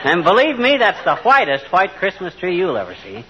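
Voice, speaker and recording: An actor playing a bumbling, boastful middle-aged husband, blustery and wisecracking, in 1940s radio comedy style. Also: male voice, high-pitched, huge pitch swings, fairly quick, crowd noise. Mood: proud. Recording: dull old radio broadcast with hiss.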